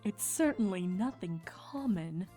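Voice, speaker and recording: A woman plays a kindly, regal pony princess from a cartoon fan story. She speaks at a medium pitch in a composed, measured way, like a patient mentor. Soft music sits behind the voice. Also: lively intonation, lightly acted. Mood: thoughtful. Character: graceful, kindly mature pony sun princess, calm mentor. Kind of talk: cartoon-style fan fiction dramatization.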